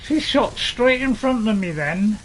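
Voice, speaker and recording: A man hosting a gaming channel, chatting and rambling through casual gameplay commentary, now and then bursting into loud excited shouts. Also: high-pitched, a little slow, slight background noise.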